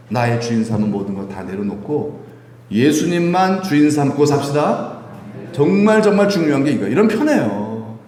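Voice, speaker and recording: Male pastor preaching, animated pitch, long reverb of a church hall, light room ambience. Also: a little hiss or hum. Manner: lively, teasing the congregation with questions and chuckles. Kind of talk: sermon. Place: church sanctuary.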